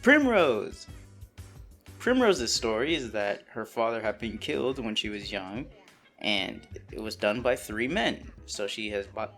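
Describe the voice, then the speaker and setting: A man's voice: lowish voice, expressive, normal speed, fairly bright tone, soft background music. A young man casually chatting and joking with friends while playing and voicing a story game. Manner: joking, profane, voices game dialogue. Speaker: game streamer.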